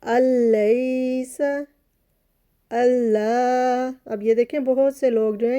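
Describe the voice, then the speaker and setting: A woman teaching recitation rules patiently, repeating each point and chanting the Arabic words in long, drawn-out tones. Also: mid-range voice, warm tone, highs cut off. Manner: patient, repeats each word slowly and often says "theek hai". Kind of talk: step-by-step tajweed lesson.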